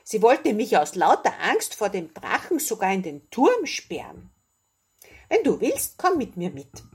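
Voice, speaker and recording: A woman's voice: medium pitch, vocal fry, slightly rough, heavily acted. A woman voicing a brave, spirited little princess in a story read aloud. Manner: bold, lively.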